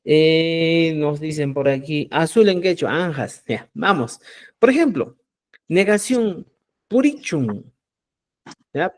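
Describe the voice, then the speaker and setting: A man teaching a live online language class, speaking slowly and with emphasis, and often checking whether the students follow. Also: fairly high pitch, expressive. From Peru. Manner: checks understanding with repeated "¿ya?"; slow, emphatic drilling of example words.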